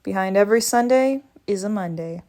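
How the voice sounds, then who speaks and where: A woman with a mellow, natural mid-range voice reads a storybook aloud at a fairly quick pace. She voices a lazy, sarcastic male cartoon cat, delivering dry wisecracks and grumbles.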